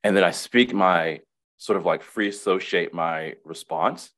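A man with a deep voice talks through his counseling practice in a relaxed webinar chat. He pauses, repeats himself and restarts phrases as he works out what he means. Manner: reflective, many restarts and repetitions. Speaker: counselor and guest. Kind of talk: casual webinar conversation.

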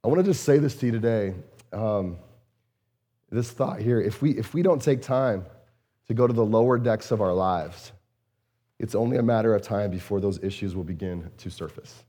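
Preaching a conversational sermon, this lead pastor has a fairly low, mellow voice at a normal speed, though it comes across a bit hoarse and strained. His earnest delivery is full of repeated words and filler sounds.

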